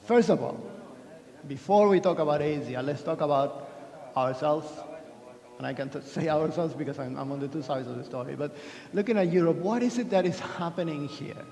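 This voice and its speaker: A mellow, creaky male voice, fairly high in pitch, moving at a moderate pace. The Argentine speaker gives a chatty, self-deprecating conference keynote with plenty of restarts, and the large hall's long reverb echoes around him.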